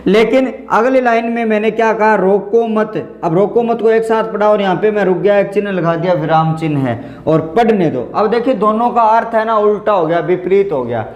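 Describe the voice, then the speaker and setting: A man's voice: sits high, a little fast, hardly any pauses, highs cut off. A man teaching a grammar lesson for an exam, explaining step by step and repeating the example phrases while he asks and answers his own questions. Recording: roomy echo.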